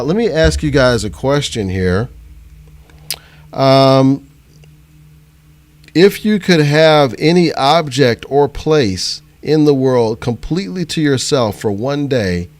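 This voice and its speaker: A man with a mid-range, somewhat dark voice hosts a live online panel over a video call. He keeps the chat casual and friendly, laughing easily as he goes.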